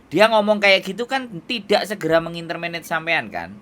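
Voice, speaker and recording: Javanese guy giving advice on a call, bossy lecturing tone, bright voice. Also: a little high, big pitch swings, a little fast. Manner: firm, lecturing, asks if understood. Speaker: advisor to migrant workers. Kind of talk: advice over a phone call.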